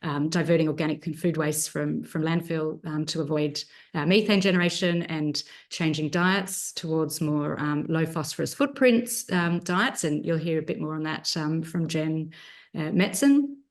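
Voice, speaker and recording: Low-voiced Australian woman presenting online. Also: normal speed. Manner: earnest, many 'um' fillers. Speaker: research presenter. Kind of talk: conference presentation over video call. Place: home at night. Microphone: video call.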